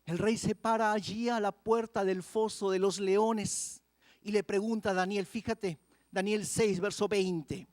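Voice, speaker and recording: A male pastor preaching a sermon, asking the congregation direct questions and reading scripture slowly and deliberately, with words slipping into his Spanish. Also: high voice, fairly even intonation, darkish tone, no echo. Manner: mixes Portuguese words into Spanish.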